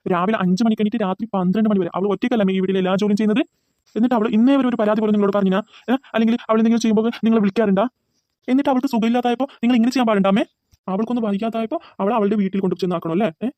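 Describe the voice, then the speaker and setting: A woman's voice: fairly high pitch, steady tone, dark tone, no room sound, lightly acted. A woman voicing an earnest grown son in a cartoon, pleading and arguing with his mother. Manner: rapid, pleading argument. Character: adult son, earnest and pleading, defends sick wife. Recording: dull lo-fi recording.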